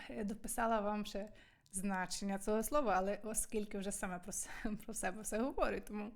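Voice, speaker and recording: A woman teaching Italian from home and wearing headphones with a microphone. She speaks in a lively way and asks and answers her own questions. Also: mid-range voice. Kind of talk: language lesson to camera.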